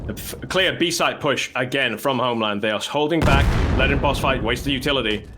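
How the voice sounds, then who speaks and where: A male esports shoutcaster with a mid-pitched voice calls the match live and excitedly, jumping into shouts as the action peaks. He leans on emphatic repetition. Video game gunfire and clicks run noisily behind him. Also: fairly quick, heavy background noise. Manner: animated, bursts into raised-pitch shouts at action.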